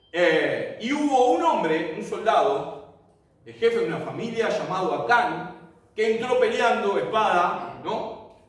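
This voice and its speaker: A man with a high voice leads a Bible lesson, telling the story vividly and checking in with rhetorical questions. He sounds far from the microphone, and his voice rings through a strongly echoing room. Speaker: Bible teacher. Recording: echoey room, mic far off.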